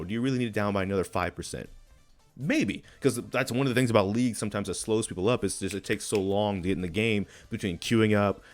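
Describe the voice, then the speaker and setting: Chatty man commenting on a post. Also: fairly low pitch. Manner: chatty and animated, stumbles and corrects himself often. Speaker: gaming video creator. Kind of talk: casual commentary reading a post aloud.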